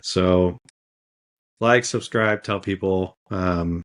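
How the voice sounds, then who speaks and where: A fairly low-voiced man with a slight cold, co-hosting a podcast. He talks in a loose, laid-back way, full of "like" and "um", and laughs easily between thoughts. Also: extremely slow. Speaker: podcast co-host. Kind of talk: casual podcast chat.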